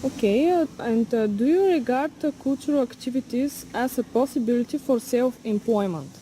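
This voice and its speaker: A woman's voice: fairly high pitch, normal speed, mellow, a little hiss or hum, rough recording. A woman interviewer reading out her questions, with the odd filler.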